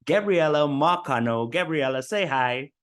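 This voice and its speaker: Hosting a marketing interview show, this man chats casually and enthusiastically, talking up his guest while often stumbling verbally. He speaks at a moderate pace in a fairly high, animated voice that's fairly bright and smooth.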